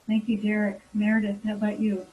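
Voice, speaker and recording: A woman's voice: mid-range voice, monotone, brisk, dark tone, muffled recording. A woman moderating a candidate forum over a video call, polite, with hesitant fillers. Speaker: host and moderator.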